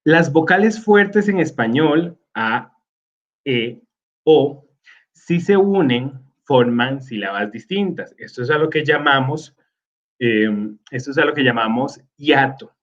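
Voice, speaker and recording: A man, teaching a recorded slide lesson slowly and filling pauses with hesitations. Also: mid-range voice, expressive, dull audio. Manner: slow, with many fillers like "este" and "eh".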